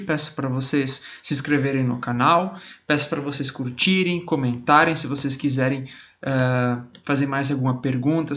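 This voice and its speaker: A man's voice: a little high, fairly bright tone. A male Portuguese teacher with a Brazilian accent explains grammar rules to the camera. He reads out example sentences with added stress and keeps checking in with "tá bom?".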